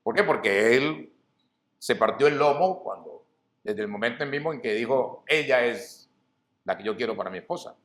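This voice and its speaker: A man's voice: mid-range voice, lively intonation, moderate pace, a bit bright. A middle-aged man, a pastor preaching a sermon, who asks the congregation rhetorical questions, answers them himself and repeats key phrases. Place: church hall. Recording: roomy church hall echo.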